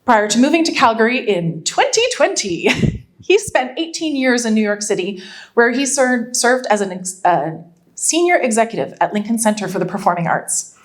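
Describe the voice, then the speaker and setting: A woman's voice: on the high side, very animated, normal speed. Woman reading a stage introduction. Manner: reads steadily with small slips. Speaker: event host. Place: small theatre. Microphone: stage microphone.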